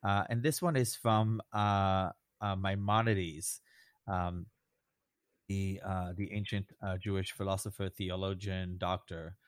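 Low-voiced American man hosting, halting delivery. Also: steady tone, smooth, no echo, clean studio sound. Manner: halting, circling, frequent "right" and "like" tags. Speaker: host, rabbi. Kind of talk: conversational podcast hosting.

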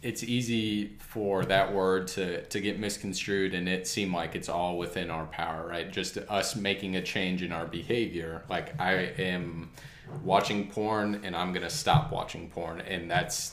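A man co-hosting a casual faith discussion, speaking in a measured, reflective way. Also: sits low, fairly even intonation, a bit bright, echoey room. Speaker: podcast co-host.

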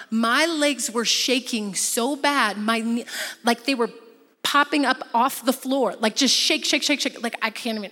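A woman telling a personal story in a lively way, laughing often and acting out what people said. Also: fairly high pitch, long reverb tail.

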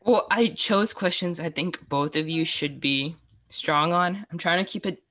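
A woman's voice: fairly low pitch, a little slow, fairly bright tone. A young woman hosting a casual trivia quiz over a video call, giggly and stumbling over her words. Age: young adult. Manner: giggly, restarts often. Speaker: host running a trivia quiz. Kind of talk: casual online chat.

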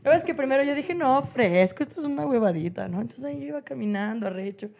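A woman with an Ecuadorian accent, telling a story on a casual podcast, animated, laughing and swearing often. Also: high voice, rapid-fire, gravelly. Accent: Ecuadorian Spanish. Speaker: podcast co-host.

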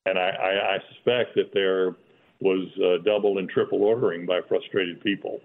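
Low, even-voiced halting man, slightly dull audio. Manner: halting, measured, with repeated words. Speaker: economist guest. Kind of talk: interview commentary on economics.

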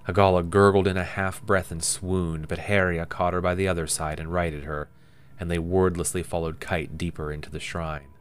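A man reading a fantasy audiobook in a measured, even storytelling manner. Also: sits low, clear, resonant tone. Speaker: narrator. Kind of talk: scripted audiobook narration.

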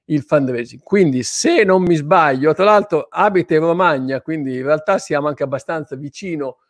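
A man with a fairly high voice hosts an informal live interview online. He is chatty and playful with his guest. The sound is very dry, with no room echo. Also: moderate pace. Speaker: host of an online interview show.

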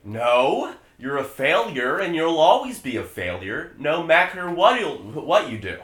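A man's voice: mid-range voice, animated, measured pace, echoey room. A man reading a desperate, bitter middle-aged father in a comedy script reading, shifting from pleading to cruel abuse. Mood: raging. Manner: pleading, then turns cruel and shouting. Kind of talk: comedy script table read.

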